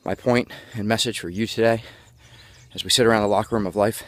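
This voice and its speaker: A man's voice: on the low side, fairly even intonation, fairly quick, no echo. A man delivering a halftime pep speech as a motivational coach, breathless from exertion and talking in a folksy, jokey way. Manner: breathless from exertion while walking; folksy, jokey self-narration in the third person.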